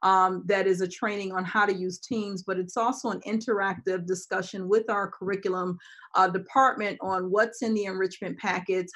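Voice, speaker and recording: A woman, a school district administrator answering questions in a virtual town hall over a video call, measured, with frequent ums. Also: mid-range voice, a bit bright. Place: home office with bookshelves.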